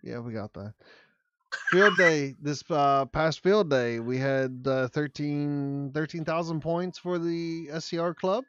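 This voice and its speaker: A man hosting a casual chat with fellow radio hobbyists, talking in a relaxed, rambling way. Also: a little high, slow pace, dull audio, very noisy. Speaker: channel host.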